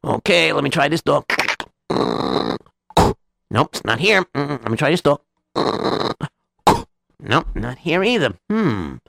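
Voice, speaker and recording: A man's voice: on the high side, sing-song, slow pace, gravelly, pauses often, a bit bright, exaggerated voice. A man voicing a kind, trusting young man who stammers and hesitates as he talks. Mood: kindly.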